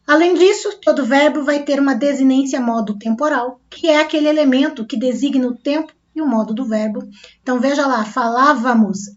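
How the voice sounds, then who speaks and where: A female teacher with a Brazilian Portuguese accent gives a recorded grammar lesson, explaining step by step and often checking that her class is keeping up. Her voice is on the high side and a little mellow, captured in a dull lo-fi recording.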